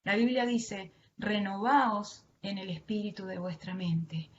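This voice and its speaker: Taking it slowly in a medium-pitched voice, a woman with an Argentine Spanish accent offers devotional teaching to women watching online, earnest and affectionate in her address. The recording is dull and lo-fi, with faint noise.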